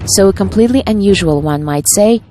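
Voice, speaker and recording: A woman reading a scripted documentary voice-over in an even, measured way. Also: medium pitch, faint music behind. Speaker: voice-over translator.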